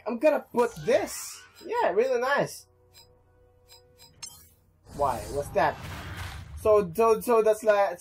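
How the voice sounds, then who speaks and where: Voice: mid-range voice, darkish tone, slightly rough. A gameplay commentator casually reacting to a game, swearing and complaining as they play. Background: game music and audio.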